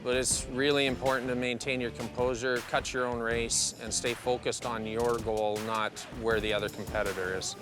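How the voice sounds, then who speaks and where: Athlete from Alberta, even measured talk, outdoor interview with music under. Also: male voice, mid-range voice. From Alberta, Canada. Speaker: competitor. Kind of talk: interview sound bite.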